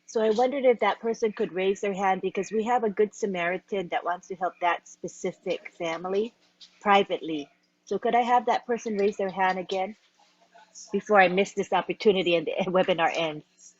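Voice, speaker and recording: A woman's voice: medium pitch, a little fast. Polite woman on a dull call line. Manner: polite, organizing. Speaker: webinar participant. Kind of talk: casual call talk.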